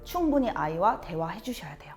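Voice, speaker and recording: Lively woman giving parenting advice. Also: fairly low pitch, brisk, faint music behind. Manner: animated, acts out quotes of parents and children. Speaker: sex education instructor. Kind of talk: expert advice talk for parents.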